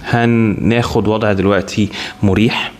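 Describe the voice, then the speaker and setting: A man with an Egyptian accent guiding a meditation in a soothing, calm, unhurried manner, leaving long pauses between short instructions. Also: fairly low pitch. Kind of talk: guided body scan meditation. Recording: music behind the voice. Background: clear background music.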